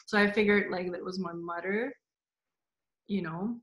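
A woman guest in a casual spiritual interview, rambling with many "like" fillers and soft laughs. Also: mid-range voice, steady tone, a little slow. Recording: roomy echo.

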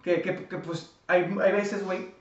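A man's voice: sits high, little pitch movement, measured pace. A young man with a Mexican accent, arguing insistently in a casual podcast debate and tossing in fillers between phrases. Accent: Mexican Spanish. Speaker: podcast co-host. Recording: echoey room, distant mic, dull sound.

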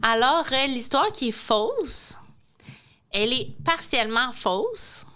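A woman's voice: high-pitched, sing-song, slow, bright, forceful tone. A woman who teaches French, a guest chatting casually on a podcast, with a Quebec French accent, teasing and laughing often. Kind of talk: casual chat.

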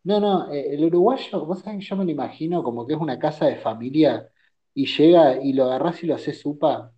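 Mellow-voiced argentine man, lo-fi. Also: fairly high pitch, fairly quick. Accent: Argentine Spanish. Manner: joking, rambling banter. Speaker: podcast co-host. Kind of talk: casual chat. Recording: dull lo-fi audio.

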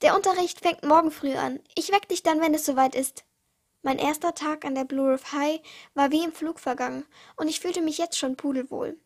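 A teenage girl reads her own short stories aloud for her podcast in a high voice at a moderate pace. She makes small slips and restarts, so her pacing is uneven.

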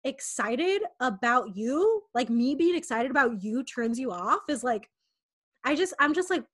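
A woman's voice: sits high, big pitch swings, measured pace, fairly bright tone. A woman in her twenties chatting candidly and rambling, with lots of fillers and restarts. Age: 20s. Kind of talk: casual chat.

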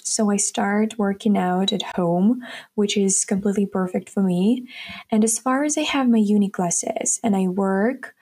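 A nineteen-year-old Ukrainian woman hosts her own podcast, talking straight to her listeners in a chatty, upbeat solo monologue. Her voice is medium in pitch and warm.

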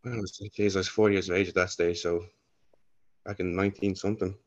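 Young Irish guy, low voice, relaxed chatty storyteller, on a dull dry line. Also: fast talker, dry recording. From Ireland. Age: young adult. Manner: rambling, self-correcting, laid-back. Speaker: guest. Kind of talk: casual interview storytelling.

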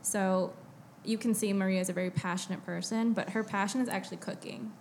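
A woman's voice: medium pitch, fairly even intonation, a little fast, darkish tone, slight background noise. A woman guest on a podcast, explaining her business in a casual, easygoing way with lots of "like" and "you know.". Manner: easygoing, filler-heavy explaining. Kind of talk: casual chat.

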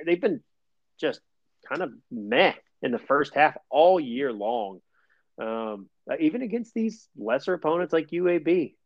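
Wry and relaxed, this man hosts a sports podcast full of scores and statistics, keeping the chat casual. His voice leans high. The recording is dry and lo-fi.

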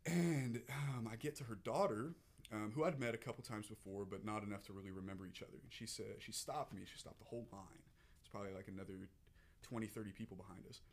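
Earnest young man, lowish voice. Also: steady tone, quick pace. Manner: earnest, emotional, many restarts. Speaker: podcast guest. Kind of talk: casual podcast storytelling.

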